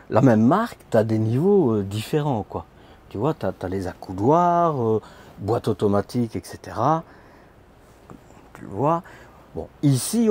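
A husky, dark-toned man with a mid-range voice vlogs a handheld phone tour of camper vans, stepping inside them at a large indoor trade show. His commentary is chatty and informal, full of fillers, and he speaks to the viewer as "tu."

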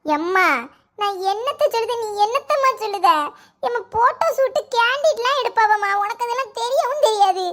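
A woman doing a very high-voiced village girl. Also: brisk. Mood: pert impatient. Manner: impatient, arguing. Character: young village daughter, bride-to-be, pert.

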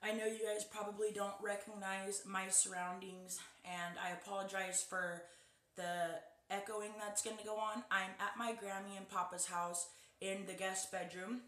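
A young woman vlogger chats casually with her viewers, addressing them directly as she unboxes a package in a small guest bedroom. Her mid-range voice is a bit bright, with flat delivery and normal speed, and the camera sits a little far away, giving echoey room sound.

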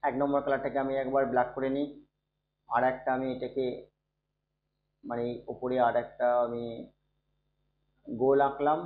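A man who is unwell, teaching a computer lesson slowly and softly, often asking his students if they follow. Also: mid-range voice, little pitch movement. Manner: slow, soft-spoken, checks in often with students. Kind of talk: screen-recorded computer lesson. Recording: dull, echoey room recording.

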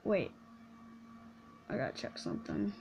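A woman's voice: a little slow, noisy background. A woman chatting casually with a friend while playing a video game, rambling and tripping over her words. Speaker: gamer recording a video.

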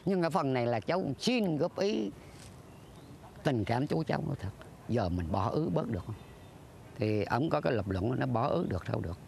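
An older former troupe leader reminiscing earnestly in an interview, acting out old conversations. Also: male voice, medium pitch, big pitch swings, normal speed, gravelly, darkish tone, a little hiss or hum. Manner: earnest, acts out dialogue, breaks into sung lines.

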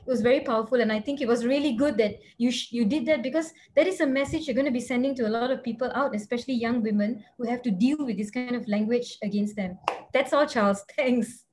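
A woman's voice: fairly high pitch, darkish tone. A woman in her thirties, a member of parliament speaking on a video call panel, earnest and emphatic, with frequent fillers. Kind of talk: webinar panel remarks. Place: indoor home room, virtual background.

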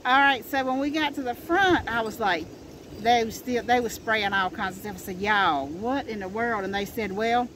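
Woman, Appalachian accent, slightly high pitch, folksy casual storytelling, repeated phrases, faint outdoor noise. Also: moderate pace. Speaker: co-host. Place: outdoors in a wooded yard. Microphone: camera a few feet away. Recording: outdoor recording with ambient noise.

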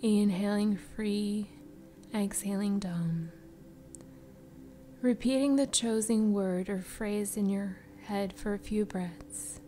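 Soft, whispery woman guiding meditation, slow. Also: medium pitch, fairly even intonation, slight background noise. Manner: soft, breathy, soothing spa voice trailing into whispers. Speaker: meditation guide. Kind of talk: slow guided meditation narration. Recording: music behind the voice. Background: background music.

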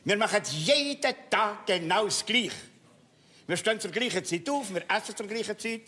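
Animated, high-pitched stubborn old Swiss German man. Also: moderate pace. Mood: frustrated. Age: older. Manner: exasperated, emphatic, switching into Italian. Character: stubborn, restless elderly man with Italian outbursts. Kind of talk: stage comedy-drama acting. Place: indoor theatre stage. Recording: reverberant theatre stage, faint noise.

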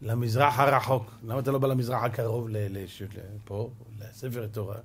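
Gravelly-voiced rabbi telling a story. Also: male voice, mid-range voice. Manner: animated storyteller, drops to a hush for suspense. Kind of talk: storytelling sermon.

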